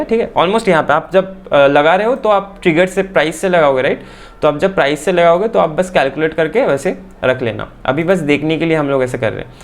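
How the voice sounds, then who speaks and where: Fast-talking man teaching a chart lesson. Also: a little high. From India. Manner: fast, repeats phrases, says "theek hai" often. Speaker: stock market trading teacher.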